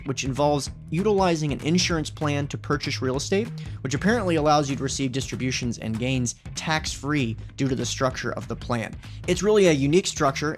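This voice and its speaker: A man hosting a podcast, introducing the episode and guest earnestly, often saying "you know". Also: medium pitch. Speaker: podcast host.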